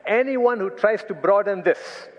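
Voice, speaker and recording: A man with an Indian accent preaching a sermon, emphatic and repeating key phrases slowly for weight. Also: high voice, long reverb tail.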